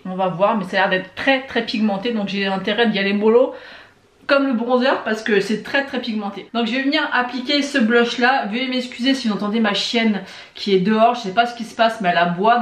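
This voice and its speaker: A woman vlogger talking her viewers through a makeup test in a relaxed, chatty way. She hesitates often and then carries on at an everyday middle pitch. Her voice rings a little in an echoey room on the camera mic. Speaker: beauty vlogger. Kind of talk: casual makeup tutorial chat.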